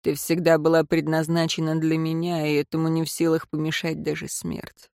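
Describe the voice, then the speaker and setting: A woman voicing a tender, joking male warrior in a fantasy audiobook, soft and hushed. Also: on the high side, completely flat delivery, a little fast, gravelly, smooth, no echo, studio quality.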